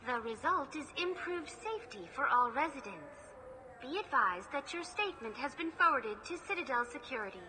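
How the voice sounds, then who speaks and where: A woman's voice: high voice, very animated, normal speed. A woman voicing a polite female AI information hologram who speaks in formal, scripted phrases. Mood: courteous.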